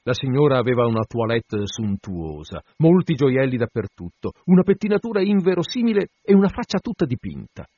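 A man reading a classic short story aloud with expressive storytelling, then commenting on it. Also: mid-range voice, brisk, hardly any pauses, no room sound, muffled recording. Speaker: reader.

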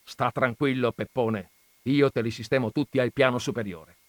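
A man's voice: mid-range voice, moderate pace, dry recording, pitched above the performer's own voice, natural voice. A man voicing a burly, stubborn village priest who argues and pleads in wheedling protests in a dramatized audiobook reading. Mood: pleading.

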